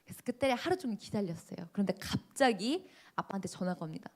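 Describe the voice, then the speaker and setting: Animated woman preaching a sermon. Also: mid-range voice, fast talker. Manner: dramatic storytelling, voices the people in her story; asks the congregation questions. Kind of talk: sermon with personal testimony.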